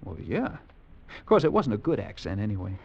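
An actor playing a confident young American adventurer from Virginia who talks in a wry, easygoing way. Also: male voice, on the low side, wildly swooping pitch, a little fast, creaky, a little mellow, husky, highs cut off, exaggerated voice.

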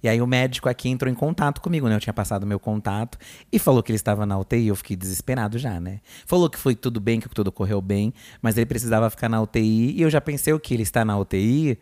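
Homem brasileiro conversando, tom de apoio. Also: male voice, on the low side, racing, few pauses, darkish tone. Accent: Brazilian Portuguese. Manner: supportive, conversational, frequent agreeing "sim". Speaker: podcast co-host. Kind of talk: casual podcast chat. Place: hospital.

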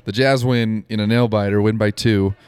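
A man with an American accent co-hosting a casual sports podcast, his voice slightly hoarse and giving out. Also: lowish voice, steady tone, moderate pace, darkish tone, dry recording. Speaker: podcast co-host.

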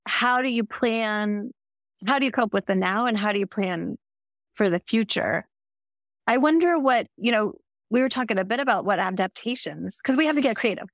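A woman's voice: mid-range voice, dry recording, studio quality. A woman hosting a podcast in a thoughtful, empathetic way, asking open questions. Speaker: podcast host. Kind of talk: conversational interview.

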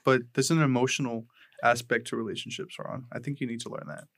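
A man's voice: medium pitch, steady tone, fast, a bit bright, no echo, studio quality. A young man co-hosting a podcast in casual chat, rambling and swearing freely in a laid-back way. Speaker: podcast co-host.

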